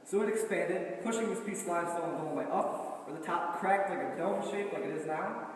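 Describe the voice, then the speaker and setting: A man's voice: a little high, brisk. A man explaining things casually and jokingly as a tour guide, with cave echo around his voice. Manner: casual, joking, quizzing the group. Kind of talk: informal explanatory tour talk. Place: inside an underground limestone cave. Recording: cave echo, long reverb, distant, noisy.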